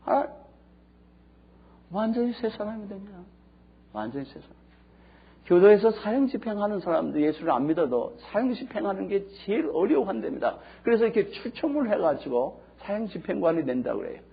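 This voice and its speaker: Male pastor, high raspy voice with gravelly fry, emphatic sermon storytelling, muffled old recording. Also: big pitch swings, quick pace. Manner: emphatic storytelling, swinging between hushed and loud.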